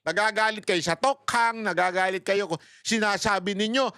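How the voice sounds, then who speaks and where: High-voiced man, mocking political commentary. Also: moderate pace, bright, forceful tone, clean tone, no echo, clean studio sound. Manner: laughs often, taunting and sarcastic.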